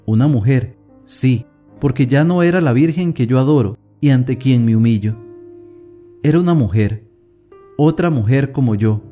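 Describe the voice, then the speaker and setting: A feverish, brooding young woman consumed by obsession, as a male reader puts her on. She speaks in a dark, mellow tone at an even pitch, with soft instrumental music behind the storybook reading. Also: normal speed, lightly acted. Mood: tormented. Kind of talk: audiobook reading of a classic tale.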